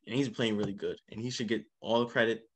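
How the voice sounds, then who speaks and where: A man hosting a casual basketball podcast, talking with quick bursts of enthusiasm. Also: on the low side, fairly even intonation, slightly rough. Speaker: podcast host. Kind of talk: casual sports chat.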